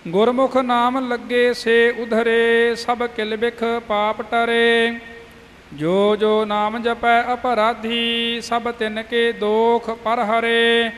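A man recites scripture in a very high, nearly unchanging tone, weighing each syllable at a very slow pace. His voice rings out in a long-echoing hall with faint music underneath. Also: fairly bright tone. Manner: measured, syllable by syllable.

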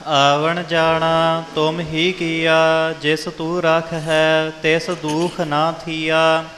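A man reciting scripture in a measured sing-song chant, pausing between lines for correction. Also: a little high, completely flat delivery, a bit bright, big-room sound, a little hiss or hum.

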